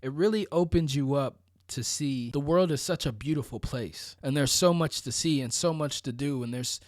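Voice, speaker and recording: Recorded dry with clean studio quality, this Florida vlogger speaks at a medium pitch and normal speed. His motivational monologue is casual yet emphatic, and he keeps checking in with rhetorical questions and asides.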